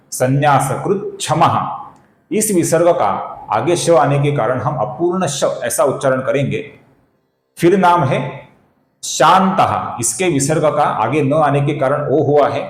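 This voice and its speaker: A man teaching the correct pronunciation of Sanskrit verses, explaining each sound slowly and repeating syllables, addressing viewers as friends, with verses chanted in a measured way. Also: a little high, reverberant, low-quality recording. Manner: slow, careful, repeats syllables for precise pronunciation. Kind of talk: explanatory lesson with slow chanting.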